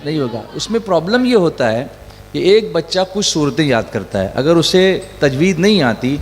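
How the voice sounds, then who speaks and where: A man's voice: a little high, sing-song. A middle-aged man teaching children about religion, mixing in English and asking them questions that he makes them answer back. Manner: asks the audience questions and drills answers back. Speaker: Quran teacher. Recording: echoey hall with faint hum.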